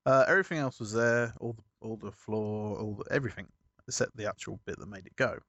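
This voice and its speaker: Lower-voiced bloke, chatty podcast co-host who rambles and self-corrects, dull lo-fi dry sound. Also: male voice, fast talker, fairly bright tone, no echo. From United Kingdom. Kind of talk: casual podcast chat.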